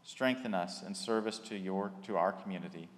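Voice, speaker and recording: A man leading liturgical prayers in a slow, measured way, his voice carried by a long cathedral-like echo in a large church. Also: low voice. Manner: slow, measured litany delivery. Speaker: worship leader. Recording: reverberant church hall.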